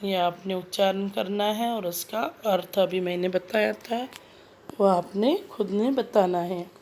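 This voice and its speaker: A woman teaching a language lesson, reading out words and their meanings slowly and having pupils repeat after her. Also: medium pitch, darkish tone, slight background noise. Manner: slow, deliberate, repeats words for pupils to echo. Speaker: Sanskrit teacher. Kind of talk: classroom lesson, explaining word meanings.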